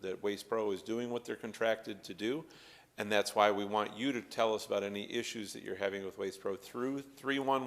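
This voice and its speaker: A male council member gives residents practical advice at a meeting. He has a fairly low voice and phrases things formally and with care. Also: fairly bright tone.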